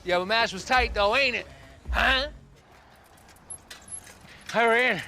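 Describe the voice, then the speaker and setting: An actor playing a boastful wannabe rapper who talks in put-on slangy swagger. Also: male voice, very high-pitched, takes it slowly, vocal fry, bright, forceful tone, full character voice. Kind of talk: mockumentary sitcom acting.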